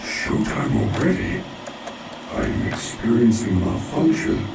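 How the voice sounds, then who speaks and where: An actor playing a gentle, polite male caretaker robot bear who speaks in courteous, formal robotic phrases. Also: fairly low pitch, expressive, measured pace, vocal fry, far from the mic. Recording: game audio heard from afar, roomy and noisy.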